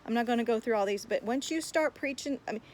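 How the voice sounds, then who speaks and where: A woman offers earnest, exhorting advice on how to pray, often repeating words while she gathers her thoughts. Her voice is a little high, fast and a little mellow, with slight background noise.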